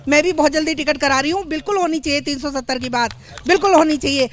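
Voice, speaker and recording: A woman's voice: sits high, fast. A woman supporter at an outdoor public debate, speaking enthusiastically for her party.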